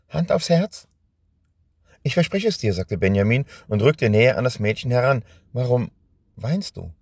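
A man reading a children's story aloud in a calm, expressive way. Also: on the low side, creaky, husky, dry recording, studio quality.

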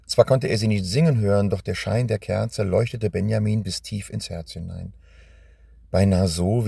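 A man reading a children's story aloud in a calm, expressive way. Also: fairly low pitch, vocal fry, slightly rough, no room sound, studio quality.

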